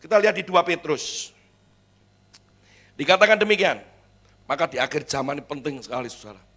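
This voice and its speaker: A middle-aged pastor preaching a sermon in a church, swinging between loud exclamations and quiet, chatty asides, acting out little dialogues. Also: male voice, a little high, lively intonation, brisk.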